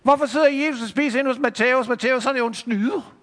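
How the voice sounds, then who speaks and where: Self-righteous townsfolk, voiced by a man telling a story, gossip indignantly in a raised, higher voice. A long hall reverb follows. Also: fairly bright tone.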